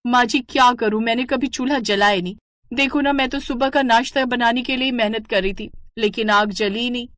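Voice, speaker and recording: A naive young daughter-in-law in a cartoon story, voiced by a woman, pleading and melodramatic. Her voice sits high and loud. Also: steady tone, brisk, dry recording, studio quality, close to an everyday voice.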